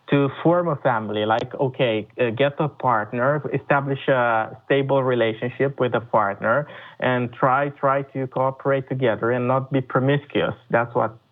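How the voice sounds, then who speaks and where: Male caller, hesitant and halting, heard over a tinny phone. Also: medium pitch. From Romania. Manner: hesitant, many uhs and repeated starts. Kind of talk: phoned-in discussion.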